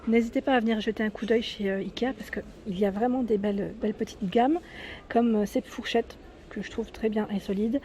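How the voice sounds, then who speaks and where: A woman with a high, bright-toned voice films a casual shopping vlog as she walks through a large store. She talks straight to her viewers in a chatty, friendly way and keeps tagging "hein" onto her sentences. The sound comes from a handheld phone. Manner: chatty, adds "hein" often, addresses viewers directly. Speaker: vlogger showing store products. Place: inside a large furniture store, filming while walking.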